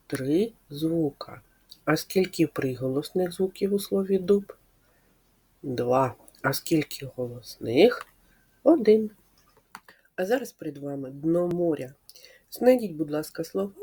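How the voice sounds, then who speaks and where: Speaking in a deep voice with a dark tone, this woman is a speech therapist giving preschool children a slow, clear lesson. She asks questions patiently and confirms what they answer.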